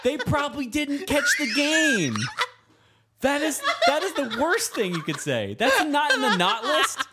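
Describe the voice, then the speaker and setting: A man co-hosting a comedy podcast, his pitch leaping up and down far more than usual. He talks in blunt, sardonic comebacks and keeps the banter going. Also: sing-song, a little slow, heavy background noise. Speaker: podcast co-host.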